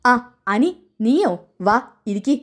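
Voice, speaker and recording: A woman voicing a calm elder brother who reasons patiently, in her own voice. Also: fairly high pitch, takes it slowly. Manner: soothing, reasoning.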